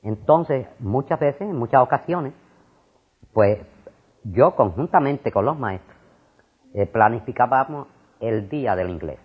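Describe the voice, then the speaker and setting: Older man, Puerto Rican Spanish accent, retired principal, lively swooping voice, husky, rambling with fillers, muffled lo-fi recording. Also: medium pitch, measured pace, pauses often. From Puerto Rico. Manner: animated and discursive, repeats words, frequent fillers. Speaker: interviewee, retired school principal. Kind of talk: casual conversation.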